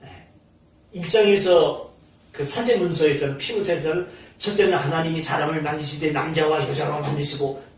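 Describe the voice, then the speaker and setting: A man giving an informal Bible study lecture, animated and blunt, sometimes mocking. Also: on the high side, moderate pace. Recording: echoey room, mic far off.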